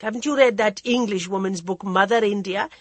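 A woman's voice: mid-range voice, a little fast, no room sound, natural voice. A woman voicing a worldly, imperious older Indian society lady who drawls theatrically and calls everyone darling. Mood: arch, languid.

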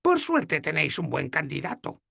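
Male narrator plays an old goddess as a high, husky, gruff woman who scolds bluntly, storybook read-aloud. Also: wildly swooping pitch, normal speed, sharp tone, no room sound, clean studio sound, heavily acted. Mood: scolding. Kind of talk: audiobook character voice.

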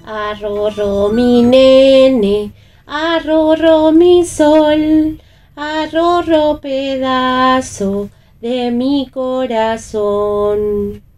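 A woman's voice: very high voice, slow, a bit bright, faint music behind, exaggerated voice. Woman doing a whiny little girl crooning lullabies. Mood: sing-song. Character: little girl desperate to play mother. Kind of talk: radio theatre reading.

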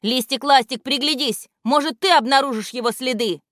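A woman voicing a strict, scolding male guardian of grammar in a storybook reading, speaking loudly and higher than her own voice. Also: expressive, moderate pace, no echo, clean studio sound. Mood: stern lecturing. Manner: loud and scolding.

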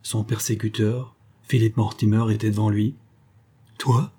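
A man reading a nineteenth-century crime novella aloud in a steady, measured way. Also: lowish voice, breathy edge. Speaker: audiobook narrator.

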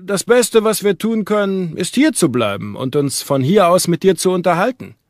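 A man's voice: high-pitched, big pitch swings, moderate pace, no echo, studio quality, voice pushed up. A man voicing an earnest, worried middle-aged lawyer who urges his friend on in a raised, hearty voice. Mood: hearty urging.

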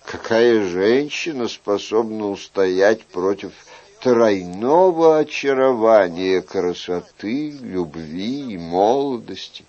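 A man reading an audiobook, voicing a weary, wry middle-aged king in a soft, measured way. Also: on the low side, lively intonation, highs cut off.

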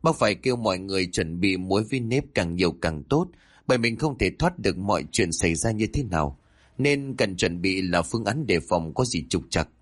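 A man voicing a calm, determined young male exorcist in a spoken ghost story, giving earnest instructions. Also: deep voice, fairly quick, no echo.

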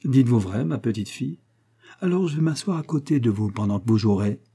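A man's voice: mid-range voice, animated, fairly quick, warm tone, husky. A man voicing an elderly aristocratic lady who is effusive and commanding. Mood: gracious. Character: elderly aristocratic lady, warm, imperious, impulsive.

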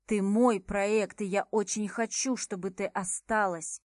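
A woman reading the lines of a cold, manipulative adult man who speaks smoothly and evenly with hidden menace, in a slow, unhurried audiobook delivery. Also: mid-range voice, fairly even intonation, dry recording, studio quality, lightly acted. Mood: coaxing.

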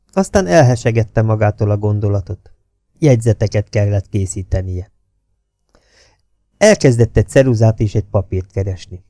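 A man reading a novel aloud as an audiobook, telling it in a measured, steady way that drops to hushed tones. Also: mid-range voice, no room sound, studio quality. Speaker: audiobook reader. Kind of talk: scripted novel narration.

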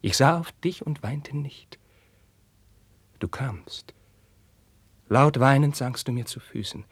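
An actor playing an anguished young prince, declaiming verse in a 1950s radio drama and swinging from hushed whispers to outbursts. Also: male voice, sits low, steady tone, normal speed, slightly rough, no room sound. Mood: impassioned. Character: young anguished prince, passionate, tormented by forbidden love.

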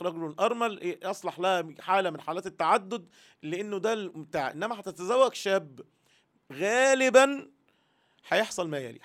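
High-voiced Egyptian man teaching religion. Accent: Egyptian Arabic. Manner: earnest, voices listeners' thoughts in first person. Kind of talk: religious lesson to women.

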